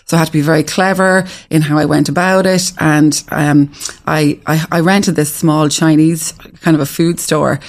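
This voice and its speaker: A woman's voice: sits low, fairly even intonation, normal speed. A woman from the west of Ireland, with that region's accent, tells her story as an interview guest in a casual, emphatic way, often repeating phrases. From west of Ireland (Galway). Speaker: interview guest, restaurant founder.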